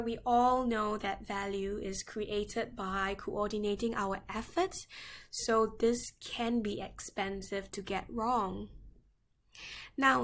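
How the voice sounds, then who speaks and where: A woman presenting a software tutorial, her voice a little off as it recovers, explaining steps and often checking in with "right?". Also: mid-range voice, gravelly. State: voice recovering from loss, slightly off. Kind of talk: screen-share software tutorial.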